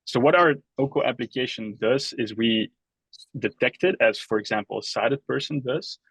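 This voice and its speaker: A man's voice: medium pitch, normal speed, fairly bright tone, breathy edge, no room sound, low-quality recording. Belgian man presenting, dry sound. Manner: casual, many fillers and restarts. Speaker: app company co-founder. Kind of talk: webinar presentation.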